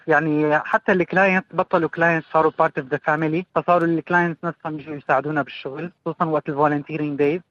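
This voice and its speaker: Fast-talking man, Palestinian-Jordanian Levantine accent. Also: fairly high pitch, fairly bright tone, dry recording, highs cut off. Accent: Palestinian-Jordanian Levantine Arabic. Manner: mixes English words into Arabic. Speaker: interview guest, craft project co-founder. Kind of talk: casual radio interview talk.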